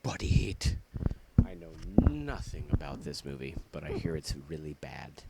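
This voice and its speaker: A man's voice: a bass voice, sing-song, normal speed, gravelly, heavy background noise. A man casually showing off his laserdisc collection, jokey and rambling, with puns and asides. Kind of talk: casual show-and-tell vlog.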